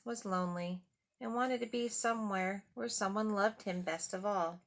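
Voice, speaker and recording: A children's storyteller with a medium-pitched, creaky voice reads a picture book aloud to young children. She keeps her speech simple and child-directed, adding rhetorical questions and small asides.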